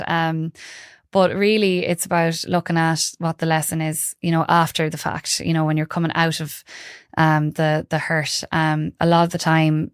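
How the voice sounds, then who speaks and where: A woman's voice: sits low, clean tone, no room sound, studio quality. A woman with a west of Ireland accent from Galway, talking informally and reflectively as an interview guest, often saying "like" and "you know". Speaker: podcast guest, holistic heart-healing practitioner. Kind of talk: casual conversational interview.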